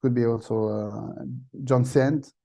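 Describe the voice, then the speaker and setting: A man giving an online masterclass over a video call, talking haltingly with many fillers and restarts and loose phrasing. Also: medium pitch, steady tone, mellow. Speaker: masterclass instructor. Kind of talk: online workshop talk.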